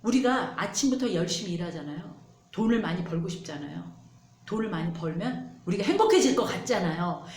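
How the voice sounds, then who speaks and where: Animated woman pastor preaching. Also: lowish voice, brisk, echoey room. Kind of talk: sermon.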